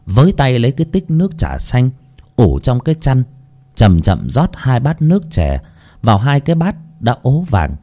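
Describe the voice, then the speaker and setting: Male narrator, slow gentle storytelling, mid-pitched, highly melodic delivery. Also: wildly swooping pitch.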